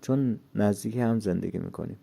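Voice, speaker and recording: A man's voice: on the low side, vocal fry, dark tone, breathy edge, heavily acted. A man voicing Ghazal, a shy, polite teenage schoolgirl, in a storybook reading. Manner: polite and a little bashful.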